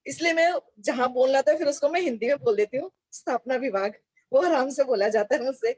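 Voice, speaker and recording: A woman's voice: high-pitched, brisk, a little mellow, husky, dry recording. An office worker, a woman, explaining things carefully in a casual group discussion.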